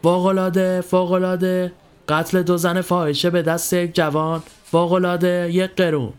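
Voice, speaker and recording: A man's voice: sits high, level tone, smooth, soft background music, pitched above the performer's own voice, lightly acted. A man voicing a street newspaper seller crying out headlines, in a storybook reading. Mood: hawking. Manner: hawking cry.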